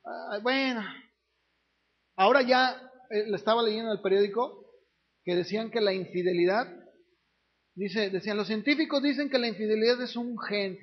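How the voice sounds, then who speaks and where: High-voiced pastor preaching. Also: male voice, moderate pace, pauses often. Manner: conversational, asks the congregation questions. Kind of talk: sermon. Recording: dull lo-fi recording.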